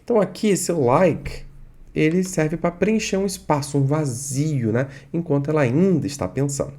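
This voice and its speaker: A man with a Brazilian Portuguese accent teaching an English lesson online, patiently repeating and drilling words slowly. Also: a little high, mellow.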